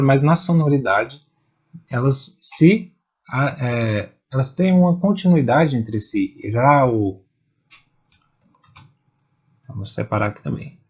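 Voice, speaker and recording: A man teaches poetry at a very unhurried pace, breaking words into syllables one by one. His voice is a little husky and sits at an ordinary pitch. The recording sounds dull and lo-fi. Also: darkish tone. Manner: slow, patient, spelling out syllables one at a time. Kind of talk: explaining step by step.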